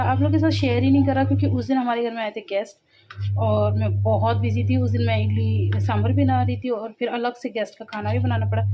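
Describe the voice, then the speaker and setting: Chatty woman with a sore throat, slightly high. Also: background noise. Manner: rambling, laughs often, drifts into stories. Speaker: home cooking vlogger. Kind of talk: chatty voice-over for a cooking vlog. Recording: dull lo-fi voice-over.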